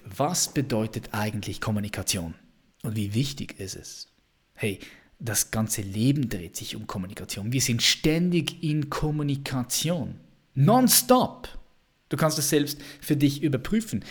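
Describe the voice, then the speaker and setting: A man's voice: mid-range voice, darkish tone, husky. A man hosting a motivational podcast, talking energetically and addressing the listener directly with rhetorical questions. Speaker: podcast host.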